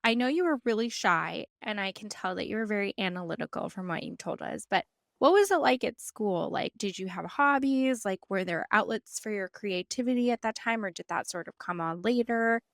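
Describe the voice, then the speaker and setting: A woman's voice: medium pitch, lively intonation, brisk, vocal fry, no echo, clean studio sound. A woman co-hosting a podcast, asking long, rambling questions in casual conversation. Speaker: podcast co-host, interviewer.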